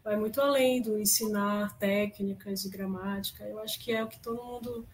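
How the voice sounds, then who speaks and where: A woman moderating an online seminar, talking quickly with some hesitation and inviting the audience to speak. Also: medium pitch, steady tone, slight background noise, low-quality recording. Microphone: video call.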